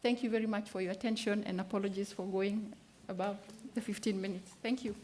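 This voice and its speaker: A woman's voice: mid-range voice, steady tone, darkish tone, a little hiss or hum. A woman presenting a keynote at a conference, speaking with many "uh" fillers and some hurry. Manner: hesitant, many "uh" fillers, rushed. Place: conference hall.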